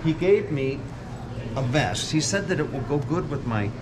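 Chatty male host, lively up-and-down delivery, loud outdoor ambience behind. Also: a little high, moderate pace, very noisy. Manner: playful, chatty, rambling. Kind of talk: casual walk-and-talk video. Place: outdoors by a creek.

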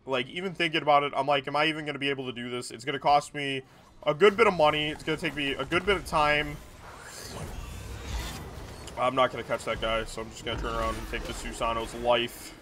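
Tipsy young man with bright voice. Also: mid-range voice, fairly even intonation, fast, a little hiss or hum. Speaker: gaming video creator. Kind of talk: casual gameplay commentary to viewers. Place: small indoor room at a gaming setup.

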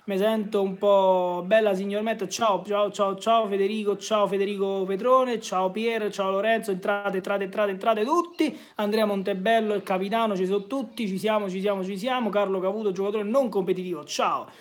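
A man running a casual live stream about football, slightly hoarse, greeting viewers by name and answering their questions from the chat. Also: high-pitched, steady tone, moderate pace, few pauses.

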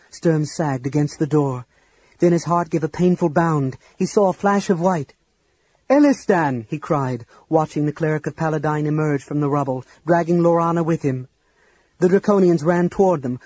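A man's voice: a little high, breathy edge, low-quality recording. Man reading a fantasy audiobook. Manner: voices characters with shouts and hushed whispers. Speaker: audiobook narrator.

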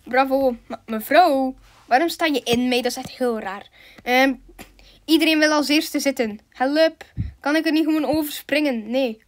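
A woman's voice: high-pitched, moderate pace, a little hiss or hum. A woman doing chatty, giggly commentary as she plays a video game, mixing in English slang. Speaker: gaming YouTuber.

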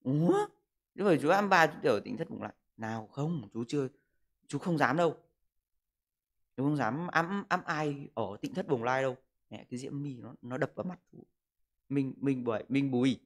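His medium-pitched voice is expressive and runs at a normal speed. The man, in his 20s, chats on a casual livestream from a room at home, joking crudely while reading viewers' comments into his desk microphone.

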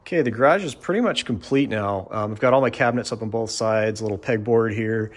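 Low-voiced man rambling about his garage. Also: fast. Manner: relaxed, rambling, frequent ums and uhs. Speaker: home renovation vlogger. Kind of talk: casual narration over DIY footage. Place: garage under renovation.

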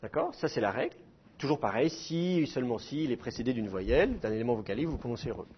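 A man's voice: mid-range voice, lively intonation, fast talker, husky, dull audio. A middle-aged man teaching a class, explaining with demonstrated sounds and self-mocking humor. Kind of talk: classroom lecture.

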